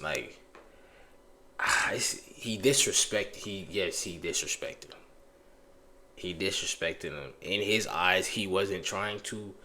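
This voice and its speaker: A man with a very low voice talks through his reactions on a live stream. He speaks loosely and emphatically, with restarts along the way. A faint hiss of noise sits under his voice. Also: bright, forceful tone. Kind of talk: casual live-stream commentary.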